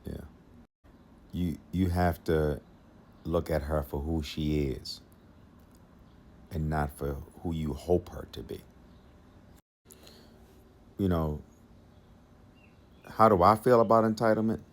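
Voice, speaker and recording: A man's voice: rumbling low, slow, pauses often, a little hiss or hum. A man hosting a podcast, giving dating advice in a casual monologue, repeating his key lines for emphasis and chuckling to himself. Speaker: podcast host.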